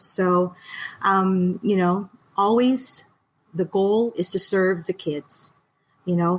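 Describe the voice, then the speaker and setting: A woman's voice: mid-range voice, poor audio. A woman, an education director speaking earnestly as a guest over a video call and laughing easily. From Philippines. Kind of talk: casual interview over a live stream.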